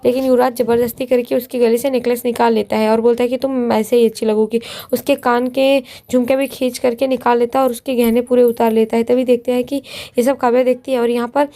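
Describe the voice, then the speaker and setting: A woman walks through the plot of a TV serial episode in a casual, unscripted way. Her voice sits high but barely moves in pitch, with a dark, mellow tone. She stumbles and restarts often and reads every character's line in her own plain voice. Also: little pitch movement, fast. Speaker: TV serial recap narrator. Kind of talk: casual spoken plot recap.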